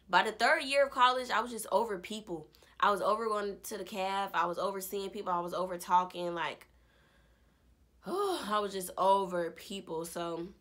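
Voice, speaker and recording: A young woman in her twenties casually telling an animated story about her life. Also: mid-range voice. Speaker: vlogger. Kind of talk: story time vlog.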